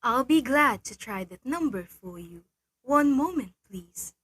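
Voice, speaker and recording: A woman's voice: high voice, expressive, a little slow, fairly bright tone, husky, dry recording, clean studio sound, heavily acted. A woman playing a polite switchboard operator in a radio play, formal and routine in delivery. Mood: polite, detached. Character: polite, unhurried, formulaic telephone switchboard operator.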